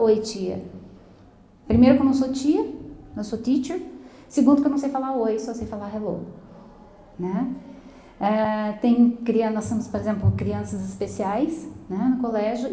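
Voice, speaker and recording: A woman's voice: a little high, dark tone. A woman who teaches English, giving an explanatory talk to parents, often checking in with the listeners and slipping in English words. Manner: explanatory, keeps tagging sentences with "né?", mixes in English words. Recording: echoey room.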